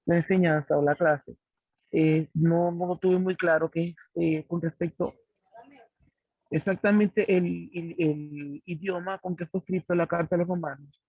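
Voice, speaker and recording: A man in a study class asking a hesitant, halting question over a crackly phone line. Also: on the high side, fairly even intonation, no room sound. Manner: hesitant, halting, full of pauses and restarts. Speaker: student in a Bible study class. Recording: tinny phone-like line, dry.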